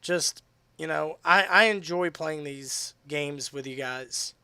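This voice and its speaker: Bright high-voiced man streaming games, voice tiring. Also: slow pace, smooth, no room sound. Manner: rambling, restarts phrases, many fillers. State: voice going hoarse. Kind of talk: casual live-stream chat while gaming.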